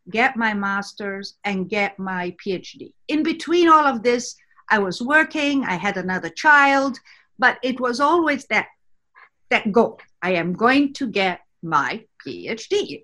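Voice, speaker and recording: A woman's voice: on the high side, a bit bright. A woman in her sixties from Egypt, a podcast guest recounting her life in a conversational, storytelling way. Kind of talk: podcast interview, personal story.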